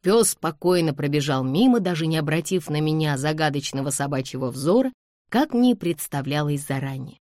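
Low-voiced woman reading an audiobook. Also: lively intonation, darkish tone, no echo, studio quality. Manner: measured storytelling reading. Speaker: audiobook narrator. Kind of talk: scripted audiobook narration.

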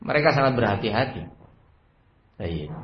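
A man preaching a religious lecture, who keeps repeating a blessing phrase as a filler and swings between emphatic bursts and quiet asides. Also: medium pitch, very animated, moderate pace, a little hiss or hum. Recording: echoey room, dull lo-fi sound.

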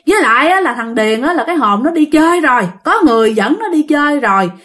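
A woman's voice: high-pitched, expressive, fast, a bit bright, voice pushed up. A woman with a Southern Vietnamese accent voicing the pleading ghost of a drowned village boy, rambling and begging with many fillers.

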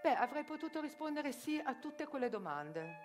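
Very animated and high-voiced, a middle-aged woman who works as a journalist delivers a theatrical monologue at a moderate pace. Her ironic, self-questioning tone rises to urgent outbursts, and the radio broadcast carries faint live music.

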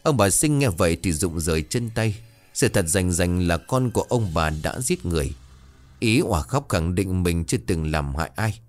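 A man narrating a ghost story in a dramatic, expressive way. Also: low-pitched, moderate pace, faint music behind.

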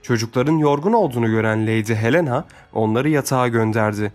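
A man narrating an adventure audiobook in a steady, measured storytelling voice. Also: medium pitch, soft background music.

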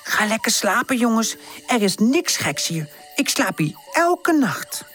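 A woman's voice: a little high, big pitch swings, measured pace, fairly bright tone, faint music behind, voice pushed up. Woman doing a sleepy know-it-all cat. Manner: drowsy and knowing. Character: sleepy, self-assured female cat.

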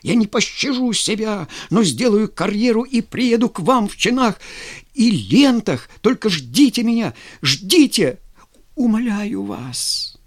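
A man's voice: high-pitched, sing-song, a little slow, pitched above the performer's own voice, exaggerated voice. A man reading a story, voicing an impulsive young cadet who stammers and pleads breathlessly. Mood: desperate pleading.

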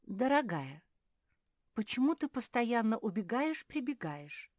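A woman voicing a polite, gentle female animal detective in a children's audiobook, with a calm, kindly manner. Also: mid-range voice, normal speed, dry recording, studio quality, voice pushed up.

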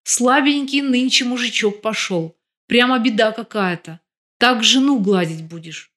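A woman's voice: fairly high pitch, unhurried, a bit bright. A woman voicing a bold, scheming young woman who mocks and taunts in an audiobook. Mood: mocking. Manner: mocking, brash.

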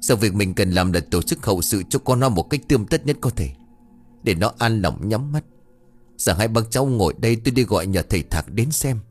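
A man's voice: fairly low pitch, animated, brisk, darkish tone, faint music behind. A man voicing an older village aunt, speaking in a raised, pleading way. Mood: soothing.

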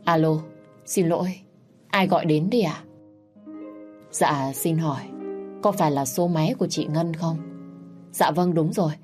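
A woman reading the part of a young father who pleads urgently on the phone, her voice low and dark. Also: measured pace, long pauses, soft background music. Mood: startled.

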